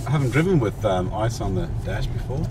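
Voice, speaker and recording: A man's voice: lowish voice, lively intonation, fairly quick, noisy background. A father driving his family on a trip, joking and playful with his kids. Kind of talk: casual family chat. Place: inside a car, then windy outdoors.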